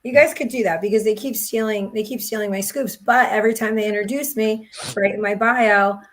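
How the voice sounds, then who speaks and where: A woman's voice: medium pitch, steady tone, fairly quick, slight background noise. A woman sports reporter co-hosting a casual talk show, telling stories in an assertive way.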